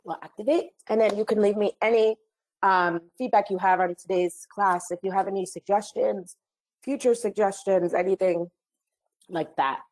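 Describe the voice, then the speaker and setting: A woman, a little hoarse from a recent cold, wraps up an online training session over a computer mic. She talks in a friendly, chatty way, slipping in small apologies. Her pitch sits in the ordinary middle range. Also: fairly even intonation, normal speed, darkish tone, low-quality recording. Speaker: webinar trainer. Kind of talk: online training webinar wrap-up.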